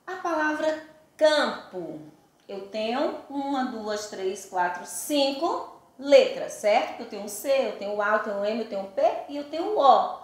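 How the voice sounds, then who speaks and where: A Brazilian woman teacher giving a recorded school lesson, patiently spelling out letters and counting sounds aloud, often checking "right?" with her pupils. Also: fairly high pitch. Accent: Brazilian Portuguese. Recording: very echoey room.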